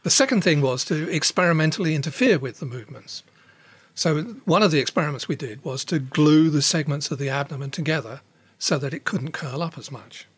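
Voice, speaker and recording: A man giving measured expert explanations as an interviewed scientist. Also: fairly high pitch, slightly rough, no room sound.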